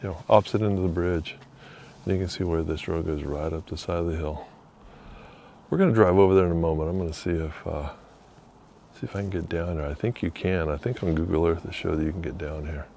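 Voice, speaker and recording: A man vlogging as he walks outdoors beside a river under an old bridge, musing quietly and thinking aloud with fillers. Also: sits low, fairly quick, vocal fry, slight background noise. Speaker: vlogger exploring historic sites. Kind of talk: casual walking narration.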